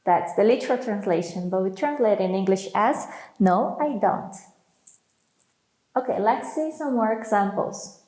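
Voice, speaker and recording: A woman with a Brazilian accent teaching a language lesson, repeating each word slowly and carefully for learners. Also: mid-range voice, a little mellow, roomy sound. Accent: Brazilian Portuguese. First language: Portuguese. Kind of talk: slow, clear language lesson.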